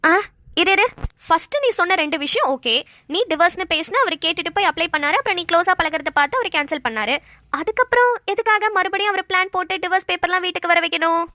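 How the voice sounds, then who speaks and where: A woman's voice: very high voice, lively intonation, fast talker, bright, forceful tone, no echo, exaggerated voice. A woman voicing a playful young college friend who coaxes her pal, close and dry. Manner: playful, coaxing.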